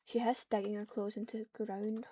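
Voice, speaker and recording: Her medium-pitched, warm voice is flat in delivery and moderately paced. An online roleplayer, she improvises a story in third person, speaking both dialogue and tags herself and repeating phrases mid-composition. Keyboard typing and clicks make the muffled lo-fi recording noisy.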